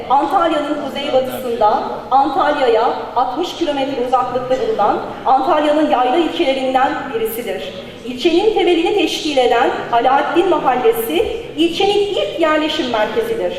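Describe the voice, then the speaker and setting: A woman speaking at a podium microphone at a conference, reading a prepared academic paper in a formal, measured way. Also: high-pitched, darkish tone. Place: conference hall. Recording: very echoey large hall.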